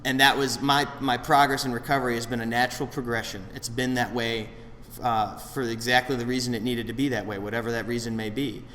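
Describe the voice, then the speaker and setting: Bright-voiced man sharing candidly in a hall. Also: mid-range voice, level tone, fairly quick, few pauses. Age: late 30s. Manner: self-deprecating, rambling, frequent restarts. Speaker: speaker sharing at a recovery meeting. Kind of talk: candid personal share. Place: meeting room with an audience. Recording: roomy hall, faint background noise.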